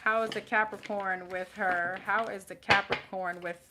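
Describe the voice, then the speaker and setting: Brief: woman, New York accent, live tarot reader, blunt and sassy, mid pitch, audible background noise. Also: fairly even intonation, moderate pace. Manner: blunt, sassy, laughing and chatty.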